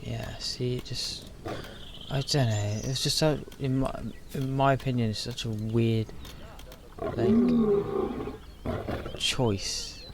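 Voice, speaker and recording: A man's voice: medium pitch, steady tone, takes it slowly, long pauses, noisy background. A sleepy, yawning man rambling to himself with lots of fillers as he builds in a game. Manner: rambling, self-talking, frequent fillers. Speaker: gaming video creator. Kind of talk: casual commentary while building in a game.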